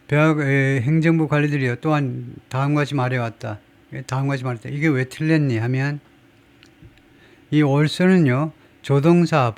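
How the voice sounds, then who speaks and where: A male English teacher giving a spoken lecture on grammar from a news article. He talks at a middle pitch, asks his listeners questions and then answers them himself, and repeats each point patiently. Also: a little mellow.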